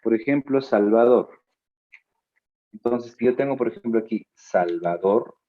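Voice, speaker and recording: A male teacher giving a spelling lesson, drawing out his words slowly and adding playful asides to his students. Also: medium pitch, muffled recording. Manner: slow, drawn-out words, playful asides to the listener.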